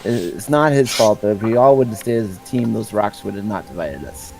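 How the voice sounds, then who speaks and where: A man's voice: lowish voice, a little fast, vocal fry, a little mellow, soft background music. A man talking during a tabletop game, blunt and matter-of-fact. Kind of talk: in-character role-play discussion.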